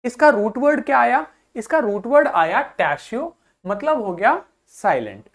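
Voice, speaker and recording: A patient woman teacher explains word meanings to school children and goes over each point several times. Her pitch rises and falls a great deal from phrase to phrase. She spells suffixes out letter by letter. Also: very animated, measured pace. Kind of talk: online vocabulary class for school children.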